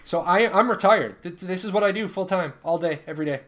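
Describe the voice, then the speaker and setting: Speaking quickly in a high voice, a man in his 30s runs giveaways on his live stream. He chats casually, joking and bantering with the people in chat.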